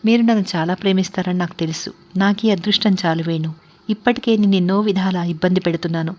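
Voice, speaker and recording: A woman's voice: lowish voice, quick pace, lo-fi sound, close to an everyday voice. Woman reading as a resigned, sorrowful young wife. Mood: tender. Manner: calm, resigned, earnest. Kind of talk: audiobook character reading.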